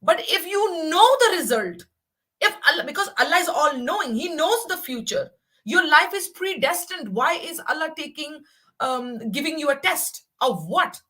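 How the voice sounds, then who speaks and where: Emphatic woman in her forties, bright voice. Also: high voice, animated, moderate pace. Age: 40s. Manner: passionate, emphatic, repeats herself. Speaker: livestream guest. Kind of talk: casual livestream chat.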